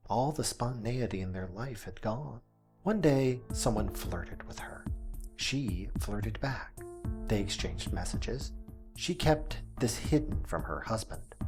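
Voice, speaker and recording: In somber storytelling mode, a man portraying an earnest small-town radio host works through a scripted monologue with deliberate pacing, dramatic pauses and emphasis. His voice is on the low side.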